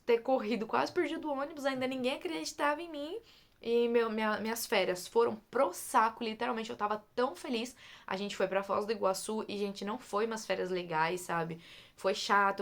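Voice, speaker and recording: A young woman from Brazil telling a personal story in a casual, lively way, repeating words for emphasis and talking straight to her listeners. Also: medium pitch.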